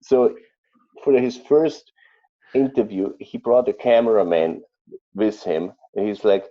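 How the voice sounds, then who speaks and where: A man with an Austrian accent, a chef telling stories in an interview, speaking haltingly with many fillers and restarts. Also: fairly low pitch, expressive, highs cut off. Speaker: chef guest. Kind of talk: conversational interview storytelling.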